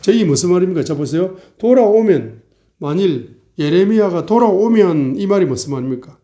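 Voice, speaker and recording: A man's voice: high-pitched, animated, normal speed, dark tone. A middle-aged male pastor preaching a sermon, asking the congregation rhetorical questions and acting out mocking and complaining voices.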